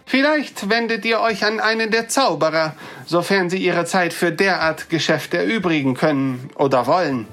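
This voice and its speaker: A jittery male dwarf toymaker, pitched high above the teller's own voice and full of fussy eagerness, as a narrator puts him on. He sputters his words with a courteous, old-fashioned manner, like a figure from a fairy-tale audiobook. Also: normal speed, few pauses, a bit bright, close to an everyday voice. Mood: wary.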